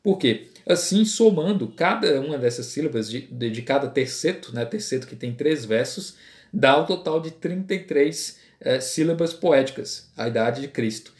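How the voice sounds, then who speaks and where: A man giving an informal lecture, pausing often and tagging his sentences with a questioning "right?". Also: medium pitch, expressive, darkish tone. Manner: halting, with frequent fillers and "né?" tags. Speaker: teacher. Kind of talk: classroom-style lecture. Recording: roomy echo.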